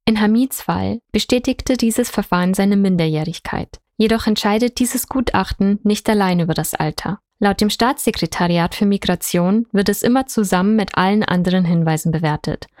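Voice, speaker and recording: A woman narrating a report in a calm, explanatory way. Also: mid-range voice, normal speed, dry recording, studio quality. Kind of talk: scripted narration.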